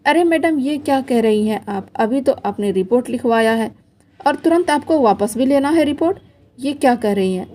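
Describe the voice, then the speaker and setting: A woman's voice: sits high, expressive, moderate pace, a little mellow. Woman voicing a brusque male police inspector. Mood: stern. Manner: lecturing, reproachful.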